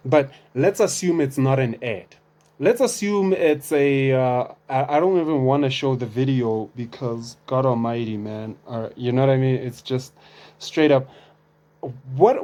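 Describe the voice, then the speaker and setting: Chatty man, casual commentary. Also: medium pitch. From South Africa. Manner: chatty and expressive, with rhetorical questions and repeated restarts. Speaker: vlogger reacting to online content.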